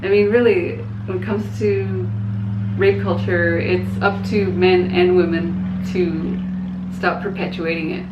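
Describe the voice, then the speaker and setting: A young woman speaking in a fairly low voice in a casual vlog, earnest and blunt but stumbling over her words with ums and short laughs. Her voice is picked up by a camera mic in an echoey room at home, slightly muffled, with a faint hiss behind it. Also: level tone, a little slow. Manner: earnest and frank, hesitant with fillers and small laughs. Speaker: vlogger. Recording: echoey, dull room sound.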